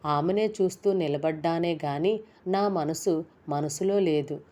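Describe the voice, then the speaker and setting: A woman narrating a romantic fiction story in a calm, measured storybook reading. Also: low-pitched.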